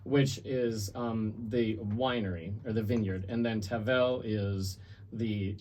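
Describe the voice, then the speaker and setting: A man working at a wine bar, explaining wines in tasting terms during a relaxed chat. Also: fairly low pitch, slow pace. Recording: distant mic, faint room noise.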